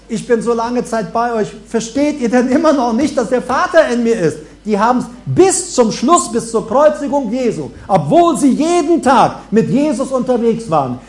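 A man preaching a sermon, swinging between loud, emphatic calls and quiet, hushed asides. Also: extremely high pitch, reverberant.

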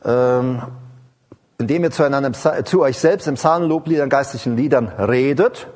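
This preacher's fairly high, husky voice carries an informal sermon that rambles and digresses. It is thick with fillers and false starts, punctuated between sentences by sung praise and tongues.

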